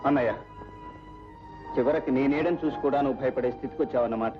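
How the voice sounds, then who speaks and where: A man's voice: medium pitch, fast, lightly acted. An actor playing an earnest young son who defies his mother in an old film. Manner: earnest, defiant. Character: earnest young son refusing arranged marriage. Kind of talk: 1980s Telugu film acting. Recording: lo-fi film soundtrack with music.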